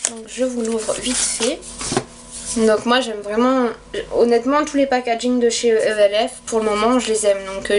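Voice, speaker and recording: A young woman talks through her makeup haul at home in a casual, hesitant way, often stopping to restart her sentences. Her voice sits a little high, and a faint hiss runs under the recording. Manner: hesitant, many fillers and restarts. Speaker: beauty vlogger. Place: bedroom at home.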